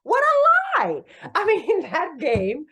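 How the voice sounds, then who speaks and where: During a casual podcast conversation, a woman in her sixties, known as an author and company founder, tells her story with animated, self-deprecating humor. Frequent laughs and upward pitch jumps mark her jokes, and she takes her time speaking.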